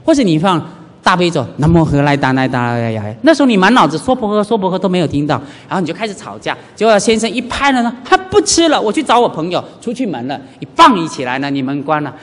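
A man, a Buddhist monk, giving a lively dharma lecture and acting out everyday scenes. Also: high voice, fast talker. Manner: animated, urges listeners to pay attention, acts out everyday scenes. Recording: reverberant hall.

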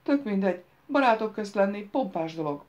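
Woman, audiobook narrator, measured storytelling, lifts voice for dialogue. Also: mid-range voice, expressive, dull audio. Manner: reads dialogue lines louder and livelier than narration.

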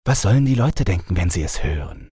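A man voicing a young fairy-tale king who is fussy about his dignity, in a hushed, scolding way. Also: low-pitched, expressive, brisk, breathy edge, no room sound, studio quality, pitched above the performer's own voice, heavily acted.

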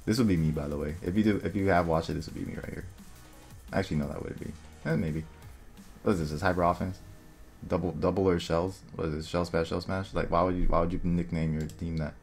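A young man casually commentating his own online game, thinking aloud and muttering quick asides to himself. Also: low-pitched, fairly even intonation, vocal fry, a little mellow. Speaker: gaming video creator. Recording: faint music underneath.

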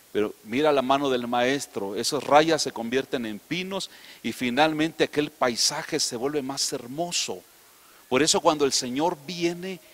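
A middle-aged man with a Mexican accent preaching a sermon, swinging from loud emphatic declarations to soft, confiding asides. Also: on the high side, big-room sound. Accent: Mexican Spanish. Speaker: apostle preaching.

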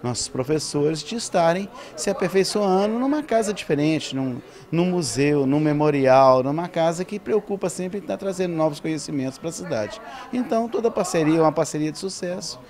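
A man's voice: fairly high pitch, expressive, a little fast, few pauses, darkish tone. Middle-aged man, event interview, insistent repeating phrasing. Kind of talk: on-camera interview. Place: indoor event hall. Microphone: handheld reporter mic.

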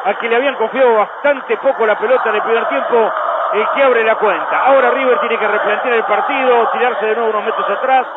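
A man gives tactical football co-commentary in a very high-pitched voice. It comes over a tinny, phone-like line with loud noise all around. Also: steady tone, a little fast, over a noisy crowd. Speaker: football match analyst. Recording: tinny band-limited broadcast, loud stadium noise.

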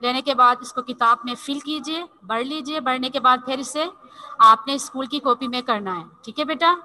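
Woman, teacher, high pitch, very bright tone, patient, coaxing, spells letters slowly, video call. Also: rough recording. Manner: repeats "theek hai" constantly and spells words letter by letter slowly; patient and coaxing, calls pupils "beta". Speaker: Urdu teacher. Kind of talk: online class teaching.

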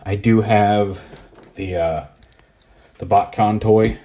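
A man giving a relaxed, rambling hands-on toy review, thinking aloud as he poses the figure. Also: on the low side, slow. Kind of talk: casual hands-on product review.

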